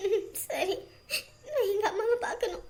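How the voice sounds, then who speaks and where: A woman's voice: extremely high pitch, measured pace, a little mellow. A woman playing a young wife in a family drama who pleads tearfully to see her mother. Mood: pleading. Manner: pleading, emotional.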